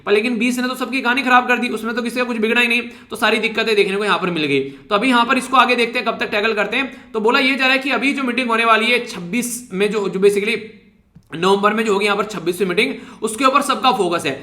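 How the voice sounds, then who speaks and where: Fast-paced man teaching exam-prep current affairs, high bright voice, chatty with joking asides, roomy echo. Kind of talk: exam-prep lecture in Hindi.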